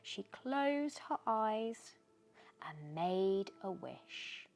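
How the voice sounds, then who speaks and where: With background music behind her, a British woman reads a bedtime story for children, drawing out her words in a mid-range voice. Her delivery is dramatic and expressive, frequently sinking to a hush.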